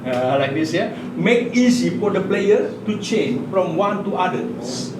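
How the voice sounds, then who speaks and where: This puppet workshop guide, a man with a high pitch and an Indonesian accent, demonstrates his craft informally and expressively. His phrases are short, simple, and hesitant. The recording catches him at a distance, with echo and clear ambient noise.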